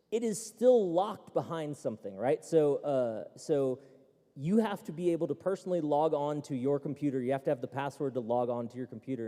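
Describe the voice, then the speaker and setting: With a warm, mid-range voice, a man on a seminar panel takes tech questions. He speaks casually and keeps using fillers and starting over. The recording has the echo of the hall.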